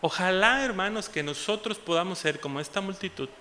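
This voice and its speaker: A man with a Mexican Spanish accent preaching an impassioned sermon as a pastor, moving between loud exhortation and soft asides. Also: high-pitched, expressive, brisk, slight background noise. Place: church hall. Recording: echoey church hall.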